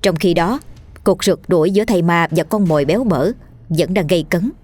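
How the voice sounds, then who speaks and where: Southern vietnamese woman narrating a ghost story, lively casual telling, lowish voice. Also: a little fast, soft background music.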